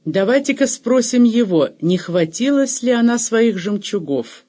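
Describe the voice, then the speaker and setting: A man's voice: very high voice, expressive, unhurried, warm tone, voice pushed up, heavily acted. A man voicing a nosy, weary middle-aged husband in an audiobook. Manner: busybody, exasperated.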